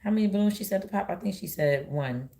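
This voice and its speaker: A woman's voice: medium pitch, lively intonation, fast talker, vocal fry, warm tone. A woman hosting a reaction video, chatting in a loose colloquial way about who will be picked. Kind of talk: casual reaction commentary. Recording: echoey room.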